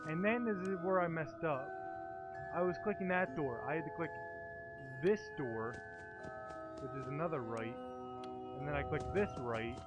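Higher pitched guy streaming a horror game, uneasy muttering, casual, chimey game music behind him. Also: lively intonation, normal speed, pauses often. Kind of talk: casual gameplay commentary. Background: mallet-like game music.

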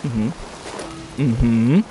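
A man's voice: medium pitch, steady tone, drawn-out words, mellow, slight background noise. A man streaming a game, casually commenting, swearing and muttering to himself, congested and talking through his nose.

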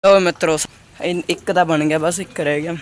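A Punjabi man with a fairly high voice talks in a casual vlog style. He addresses viewers as friends and calls out to companions in colloquial speech. The handheld recording has faint noise and clicking. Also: fairly even intonation, brisk. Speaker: pigeon-keeping vlogger.

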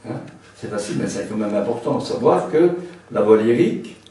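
A man who sings tenor gives a seminar lecture, talking haltingly with many restarts and a frequent tag word. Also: medium pitch, lively intonation, warm tone. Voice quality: trained singer's voice, a tenor. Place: seminar room. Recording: very echoey room, mic far off.

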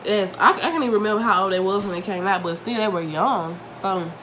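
Speaking a little fast in a medium-pitched voice, a young female mukbang vlogger chats with her viewers during a meal, a bit stuffy from a cold. She's indoors in her home dining room, and the camera mic sits at table distance, picking up noticeable room noise.

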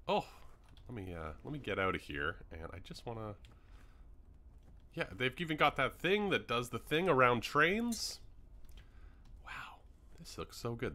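A man's voice: medium pitch, sharp tone. A young man from Canada giving rambling, casual commentary on a game build tour, full of ums, his voice starting to go. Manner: rambling, chatty, many ums. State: hiccups, voice starting to go. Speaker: gaming YouTuber.

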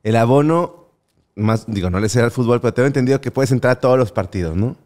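A man's voice: medium pitch, fast, darkish tone. A man, hosting a podcast, who chimes in with short replies and curious follow-up questions. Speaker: podcast host. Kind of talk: casual podcast conversation.

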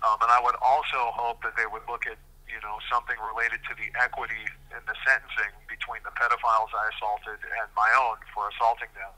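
Man on a prison payphone line, very bright. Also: mid-range voice, level tone, low-quality recording. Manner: measured, deliberate, many fillers. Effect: prison payphone call line. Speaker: incarcerated man interviewed by phone. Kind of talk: earnest interview answers.

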